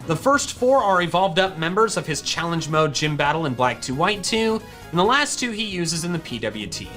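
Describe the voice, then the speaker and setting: A woman's voice: fairly low pitch, sing-song, normal speed, a bit bright. A woman reading a scripted explainer narration for a video, with music behind her. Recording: music in the background.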